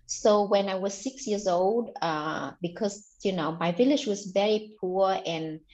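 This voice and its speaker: A woman's voice: mid-range voice, measured pace, a little mellow. A woman from Vietnam, telling her story as an author guest in an earnest interview, leaning often on "you know". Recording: dull lo-fi audio.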